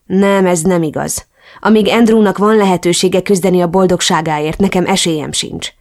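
A woman voicing a guarded young man, regretful, subdued, low. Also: fairly even intonation, darkish tone, lightly acted.

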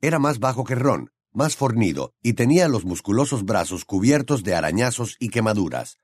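A man narrating an audiobook in an expressive, storytelling way on a close studio mic. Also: fairly low pitch, normal speed, slightly rough, dry recording. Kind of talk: scripted narration.

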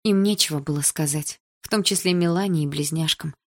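A woman reading a first-person novel aloud in an even, measured storytelling manner. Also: sits low. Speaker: audiobook narrator.

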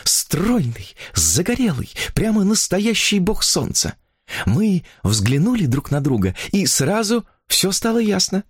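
A man's voice: high-pitched, wildly swooping pitch, unhurried, breathy edge, dry recording, clean studio sound, pitched above the performer's own voice, heavily acted. Man putting on a gushing young woman.

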